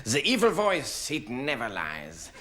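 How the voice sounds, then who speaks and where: An actor playing a pompous, smug French detective with a thick French accent, in a comedy sketch. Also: male voice, medium pitch, wildly swooping pitch, unhurried, pushed and bright, slight background noise, heavily acted.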